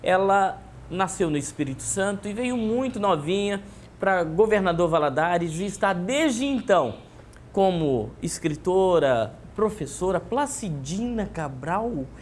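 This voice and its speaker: A woman's voice: lowish voice, lively intonation, unhurried, darkish tone. A Brazilian woman hosting a show, introducing it in a grand, theatrical ringmaster manner. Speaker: host and interviewer of a local culture programme. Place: indoors at a museum. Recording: echoey room with faint background noise.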